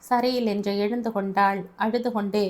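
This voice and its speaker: A woman narrating a family audio novel in a steady storytelling manner. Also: medium pitch, moderate pace.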